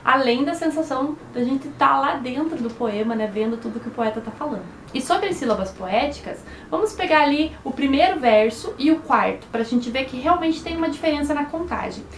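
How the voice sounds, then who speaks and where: A Brazilian teacher explaining poetry to children, slowly and patiently, often with a questioning "né?" and sounding out syllables. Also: female voice, sits high, expressive, echoey room, a little hiss or hum. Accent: Brazilian Portuguese. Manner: slow, syllable-by-syllable explanations with frequent "né?". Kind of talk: online lesson for children.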